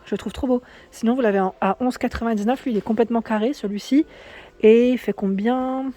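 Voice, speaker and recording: A woman's voice: fairly high pitch, steady tone, fairly quick, mellow. Chatty woman filming a shop visit. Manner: chatty, asks viewers for opinions. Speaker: vlogger. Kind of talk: casual store walkthrough vlog. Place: inside a shop.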